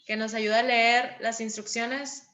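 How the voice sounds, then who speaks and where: A woman teacher giving a class, patient and encouraging, calling on pupils and reading examples with clear intonation. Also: on the high side, flat delivery, measured pace, sharp tone, muffled recording. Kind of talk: online class lesson.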